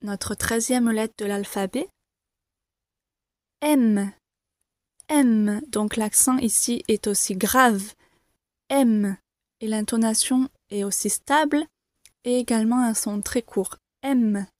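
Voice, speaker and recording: A woman teaching the alphabet to beginners, saying each letter slowly and clearly, repeating it and reassuring learners. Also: fairly high pitch, no room sound, clean studio sound. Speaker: French teacher. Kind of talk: slow, careful pronunciation lesson.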